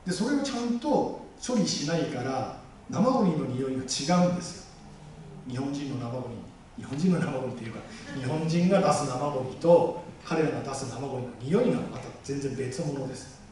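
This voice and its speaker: Man, rally speaker, quick and lively with a raised pitch, heard from a distant mic in a booming hall. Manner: animated, jokey, acts out quoted voices. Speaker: guest speaker at a campaign rally. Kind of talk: public speech to a live audience. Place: large public hall. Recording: echoey hall, mic far off.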